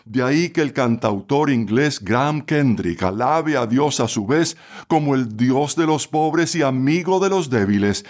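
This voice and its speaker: A man hosting a radio program who narrates a story in a measured way and then offers a spiritual reflection. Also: medium pitch, lively intonation, darkish tone.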